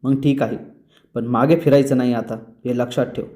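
A man's voice: medium pitch, fairly even intonation, moderate pace, dark tone, close to an everyday voice. A man doing a stern commanding father. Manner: scolding, commanding. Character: stern middle-aged father, head of household.

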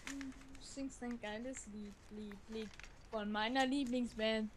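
A young woman with a high voice chats casually as a gaming co-commentator. She is teasing and swears freely. The recording is clearly noisy, with clicks. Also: fairly even intonation, takes it slowly.

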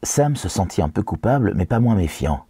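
A man with a Belgian French accent giving a measured, dramatic literary reading. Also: lowish voice, very animated, dark tone, slightly rough, no room sound, clean studio sound. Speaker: audiobook narrator.

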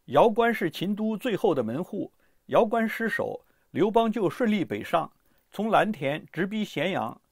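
A man narrates a history audiobook with lively, expressive storytelling. His voice is high and swings widely in pitch. The recording is dry and close, with no room sound. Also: slightly rough, no room sound.

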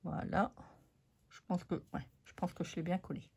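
A woman's voice: on the low side, fairly even intonation, normal speed, gravelly, mellow, husky. French woman losing her voice, chatty. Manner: chatty, many fillers, talks to viewers. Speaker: craft channel host. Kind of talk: casual craft haul chat.

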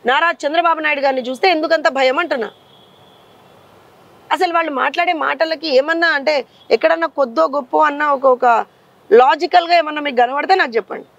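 A woman's voice: high voice, no echo, muffled recording. A woman party leader with a Telangana accent, speaking in a combative interview and firing off rhetorical questions. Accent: Telangana Telugu. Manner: fiery, rapid rhetorical questions.

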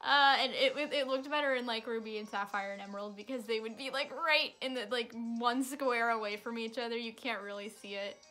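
Young woman, let's play commentator, high bright voice, sarcastic chatter, soft game music behind. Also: brisk, hardly any pauses. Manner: chatty, sarcastic, giggly asides.

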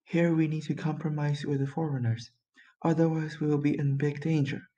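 A man's voice: fairly high pitch, fairly even intonation, brisk, warm tone, muffled recording, pitched above the performer's own voice, close to an everyday voice. A teenage boy voicing a friendly young policewoman in a read-aloud story, speaking in a raised, eager way. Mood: earnest.

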